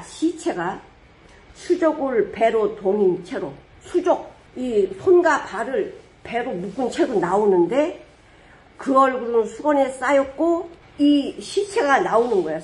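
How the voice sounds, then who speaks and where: Woman pastor with a higher-pitched voice, lively sermon storyteller who breaks into booming dramatic quotes. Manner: lively storytelling, rhetorical questions, sudden loud dramatic quotes.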